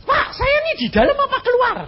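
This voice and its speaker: A man's voice: big pitch swings, fast talker. A man doing a frantic, panicked caller. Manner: frantic, pleading, high-pitched. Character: panicked man begging for help on the phone. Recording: dull lo-fi with faint hiss.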